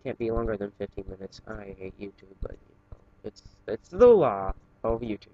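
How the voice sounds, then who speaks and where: A man with a fairly low, sing-song voice reads a story aloud at normal speed, informally and as an amateur, now and then stumbling over words. He reads fan fiction for an online channel, and the dull, lo-fi home recording has no echo.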